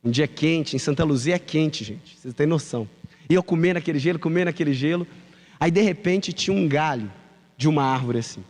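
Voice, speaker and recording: A pastor, preaching and telling a lively story to his congregation. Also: on the high side, brisk. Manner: animated storytelling, addresses the congregation. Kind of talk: sermon. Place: church hall. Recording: reverberant church hall.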